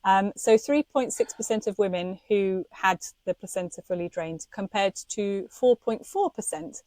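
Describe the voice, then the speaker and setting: A woman's voice: mid-range voice, moderate pace, darkish tone, dry recording. A woman co-hosting a podcast, talking passionately and indignantly, with frequent laughs. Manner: impassioned, indignant, laughs often. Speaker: podcast co-host.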